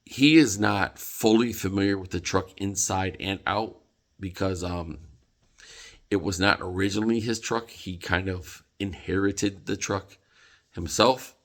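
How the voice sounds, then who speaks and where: A man's voice: low voice, unhurried, fairly bright tone. A tired man vlogging casually about a truck, rambling with many fillers and restarts. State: tired, yawning. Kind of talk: casual vlog talk.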